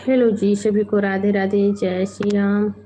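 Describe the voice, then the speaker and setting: A woman hosting a casual late-night live stream from home, chatting unhurriedly with viewers, reading out their comments and gently scolding them. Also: mid-range voice, level tone, measured pace, slight background noise.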